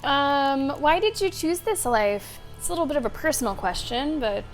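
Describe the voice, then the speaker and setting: Over the game audio and faint background music, a woman streamer gives casual commentary on her live playthrough. She's chatty, thanks her viewers, and talks to them directly in a high, expressive voice at a moderate pace.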